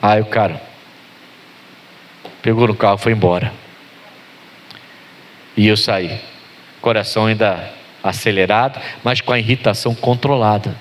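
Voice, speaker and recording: A middle-aged man with a Brazilian Portuguese accent, a pastor preaching a sermon and telling stories, swinging from low calm to loud emphatic lines. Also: unhurried, pauses often.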